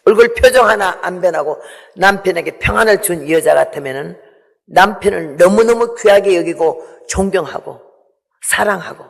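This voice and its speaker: A woman's voice: fairly low pitch, vocal fry, breathy edge. A woman in her eighties, a missionary giving an emotional testimony sermon and acting out the dialogue she recounts. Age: 80s. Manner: emotional, acts out quoted dialogue. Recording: long reverb of a large hall.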